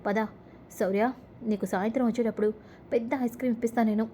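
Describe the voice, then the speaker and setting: A woman's voice: on the high side, steady tone, quick pace, slight background noise, natural voice. A woman reading the lines of a young husband and father in a Telugu serial recap, speaking sharply. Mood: coaxing. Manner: sharp scolding toward his mother.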